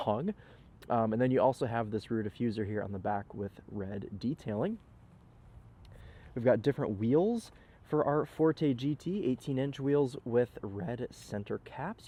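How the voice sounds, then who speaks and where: A young car reviewer with a medium-pitched, warm, slightly rough voice, made a bit nasal and stuffy by a cold, chats upbeat through a casual walkaround review. He's filler-laden and chatty, starting outdoors in a parking lot before moving inside the car.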